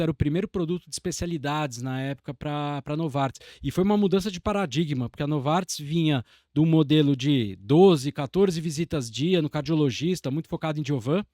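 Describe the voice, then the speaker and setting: A man's voice: fairly high pitch, a little mellow, dry recording, clean studio sound. A Brazilian man in his forties, a podcast guest telling long career stories in a reflective, meandering way, often restarting his sentences. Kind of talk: casual interview conversation.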